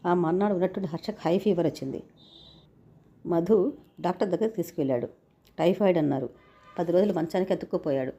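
A woman narrating a family story in a brisk, steady manner. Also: on the low side.

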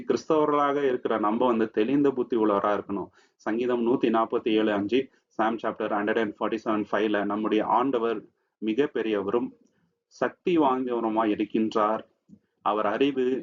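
Man preaching conversationally. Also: medium pitch. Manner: conversational, addresses listeners with frequent tag questions. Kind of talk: sermon-style teaching video. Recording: slightly dull lo-fi recording.

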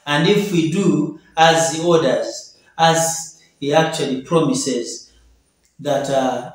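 A young male pastor preaches an earnest sermon, returning to the same phrases again and again. His voice sits a little high for a man. It comes from some distance off the mic and rings through a very echoey little room. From Uganda. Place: small indoor room at a table.

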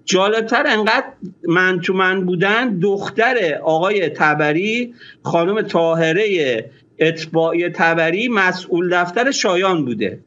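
A man with a high-pitched voice tells his story in a rush, breaking off and restarting his sentences as he goes. He comes through a dull, muffled line, with the top end of the sound cut away. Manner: excited, quick recounting with many restarts. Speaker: guest, former newspaper editor-in-chief. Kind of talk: animated storytelling in an interview.

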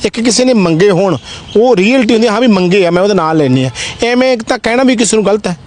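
A reporter at a middling pitch asks questions quickly and probes for detail. Short murmured acknowledgments fill the gaps. Faint traffic noise sits behind. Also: expressive, a little mellow. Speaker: news interviewer. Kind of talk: news interview questioning.

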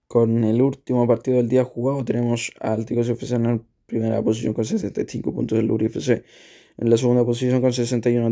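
A man's voice: mid-range voice, mellow. A man commentating on a football video game, going through plays and figures and often repeating words.

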